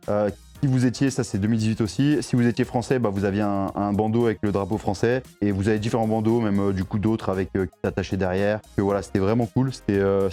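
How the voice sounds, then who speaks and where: A man's voice: lowish voice, dark tone. A young man, chatting casually through a tour of his home garage gym, full of fillers and restarts. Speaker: CrossFit athlete showing his home gym.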